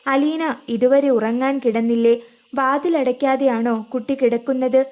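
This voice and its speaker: ഒരു വൃദ്ധനായ വല്യപ്പച്ചനായി സൗമ്യമായി സംസാരിക്കുന്ന ഒരു സ്ത്രീ, കഥ വായിക്കുന്നത്. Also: female voice, high-pitched, steady tone, measured pace. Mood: tender. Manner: gentle, coaxing. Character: older man, grieving elderly grandfather figure.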